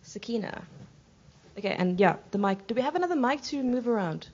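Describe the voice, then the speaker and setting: A woman moderating a workshop panel, speaking in a measured, facilitating way and opening the floor to questions. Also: on the high side, expressive, a little mellow, lo-fi sound.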